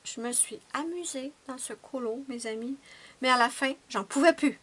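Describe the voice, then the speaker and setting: A woman's voice: sits high, normal speed, sharp tone. A woman chatting casually to her viewers about her finished coloring pages, with frequent fillers and restarts. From Canada. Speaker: coloring channel host.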